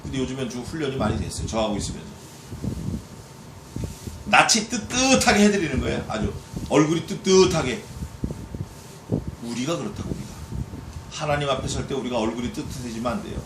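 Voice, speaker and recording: A male pastor giving an expository sermon, preaching with lively emphasis and acting out dialogue. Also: mid-range voice, fairly quick, pauses often, background noise. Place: church sanctuary. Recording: echoey church hall, distant mic.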